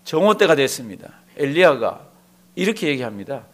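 A male pastor preaches to a live congregation in a church, his voice sitting somewhat high. His pitch swings widely as he throws rhetorical questions at the listeners. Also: big pitch swings, fairly quick. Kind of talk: sermon.

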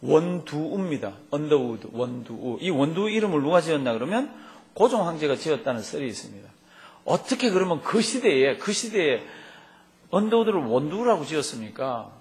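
A male pastor preaching a sermon, telling stories with lively acted-out dialogue. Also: fairly high pitch, fairly quick. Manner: lively storytelling, acts out dialogue in quotes.

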